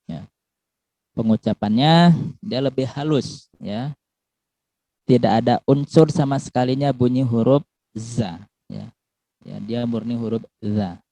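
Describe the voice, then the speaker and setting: A man's voice: medium pitch, creaky, dark tone, no echo. A man teaching Quran pronunciation to pupils, drawing out letter sounds and adding "ya" after each point. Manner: slow, repeats and drills letter sounds; ends phrases with a questioning "ya". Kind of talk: recorded lesson for pupils.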